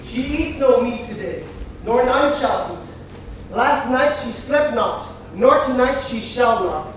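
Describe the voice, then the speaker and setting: Man playing a bullying bridegroom, high-pitched for a man, unhurried verse, echoey hall, distant mic. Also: lively intonation, full character voice. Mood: scheming. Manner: declaiming verse, barking orders. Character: domineering swaggering bridegroom, loud and bullying. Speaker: stage actor. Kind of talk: live Shakespeare stage acting. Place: theater stage. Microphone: far room mic. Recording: echoey hall from far off, faint noise.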